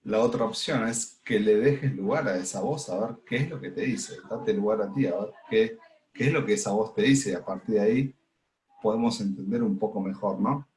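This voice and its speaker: A man's voice: on the low side, moderate pace, darkish tone. A man with an Argentine Spanish accent leading an informal spiritual study lesson, explaining at length and checking in with his listeners constantly. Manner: explains with frequent "¿sí?" check-ins and "digamos" fillers. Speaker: spiritual study group leader.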